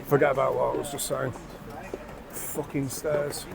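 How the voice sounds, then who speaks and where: Over a noisy crowd, a man speaks at medium pitch and normal speed with a level tone and some vocal fry. He's in his forties, from England with a Mancunian accent, beer-tipsy and swearing freely while vlogging a pub crawl on a handheld phone. The casual walking vlog moves through city streets outdoors and onto a busy rooftop bar.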